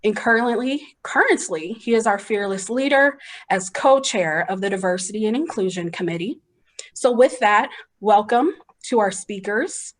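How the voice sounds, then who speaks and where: A woman's voice: mid-range voice, animated, moderate pace. A woman moderating a panel on a video call, giving upbeat, scripted introductions.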